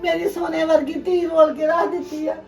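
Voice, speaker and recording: A woman's voice: very high-pitched, level tone, normal speed, gravelly. An actress playing a middle-aged mother who wails and pleads with her returned daughter. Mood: weeping, pleading. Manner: wailing, pleading questions. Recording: echoey room, distant mic.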